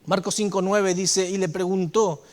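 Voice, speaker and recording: High-voiced preacher man, fervent. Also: steady tone, normal speed. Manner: fervent preaching, swinging from loud emphatic phrases to soft low endings; repeatedly addresses the congregation as brethren. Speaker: pastor. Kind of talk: sermon. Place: church sanctuary.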